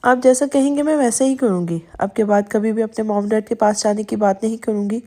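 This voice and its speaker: A woman's voice: fairly high pitch, steady tone, mellow, natural voice. A woman voicing a hurt young wife who speaks in a pleading, broken way with trailing phrases. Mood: remorseful.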